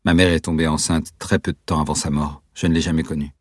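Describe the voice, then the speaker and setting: Un jeune homme inquiet et sincère, qui hésite et plaide, porté par un lecteur à la voix très grave et voilée. Le son est sec et tout proche, comme dans un livre audio de studio. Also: male voice, a bass voice, flat delivery, quick pace, dry recording. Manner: hesitant, pleading. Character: young Dutch man, anxious and earnest. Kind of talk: audiobook reading.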